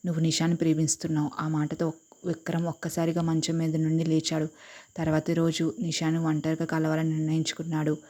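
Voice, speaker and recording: A woman's voice: low voice, warm tone. A woman reading a romantic drama story aloud as narrator, speaking all the characters' lines in her own voice.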